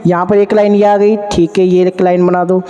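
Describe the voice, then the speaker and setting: A man's voice: high voice, little pitch movement, fairly quick, dull audio, faint music behind. A male physics teacher lecturing at a board, quizzing students with repeated questions and answering them himself. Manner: addresses students warmly as 'beta'. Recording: long hall reverb.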